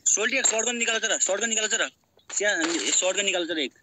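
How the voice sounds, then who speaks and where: A man's voice: high voice, a little fast. A young man from Nepal giving urgent, repeated commands to his teammates in live gaming voice chat. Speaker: gamer leading his squad. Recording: loud game noise behind.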